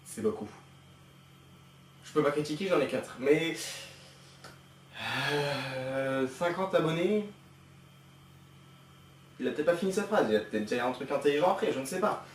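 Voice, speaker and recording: A young man giving sarcastic reaction commentary with a teasing, quick-witted manner. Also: on the high side, expressive, slight background noise. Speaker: reaction youtuber. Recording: echoey room, distant from the mic.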